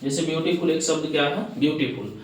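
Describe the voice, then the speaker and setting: A male English teacher lectures a class in a fairly high-pitched voice, talking fast. He poses questions and answers them himself, repeating the key terms. The recording is very echoey, made in a classroom with the mic at a distance, and carries a little hiss or hum.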